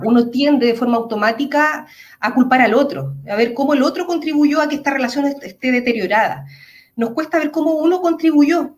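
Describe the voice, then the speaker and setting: A woman with a Chilean accent, a psychologist explaining things earnestly in an interview, using everyday examples. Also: fairly high pitch. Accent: Chilean Spanish.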